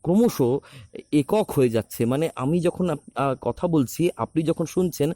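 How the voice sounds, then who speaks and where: A theatre director and actor talking reflectively, with many pauses and restarts, recorded on a phone. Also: male voice, on the high side, mellow, no echo. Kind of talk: recorded talk on a podcast.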